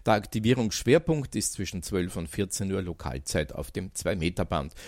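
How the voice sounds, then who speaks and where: Austrian guy reading ham radio club announcements, fairly low voice, dry recording. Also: no echo. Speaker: amateur radio bulletin presenter. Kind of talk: reading a club news bulletin aloud.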